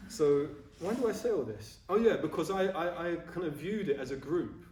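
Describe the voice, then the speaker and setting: A man's voice: on the high side, lively intonation, normal speed, darkish tone, slight background noise. A man in his forties giving a casual, self-mocking Buddhist talk to a group, often checking in with his listeners. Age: 40s. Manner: chatty and self-mocking, keeps checking in with "yeah?". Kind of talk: informal dharma talk to a group. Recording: roomy echo, voice from a distance.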